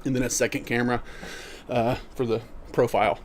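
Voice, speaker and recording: Middle-aged guy chatting on stream, walks in place as he talks, reads chat out, mid pitch, a bit of faint hiss. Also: flat delivery, fairly quick. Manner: reads chat messages aloud and answers them easygoingly; walking in place while talking. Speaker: live streamer. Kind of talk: casual live-stream chat.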